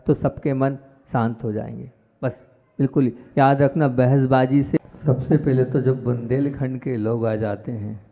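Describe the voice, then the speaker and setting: A man's voice: medium pitch, dark tone. Man preaching in an echoing hall. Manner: emphatic, rises sharply on key words, addresses listeners directly. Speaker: Jain monk preacher. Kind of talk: sermon. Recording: dull reverberant hall sound.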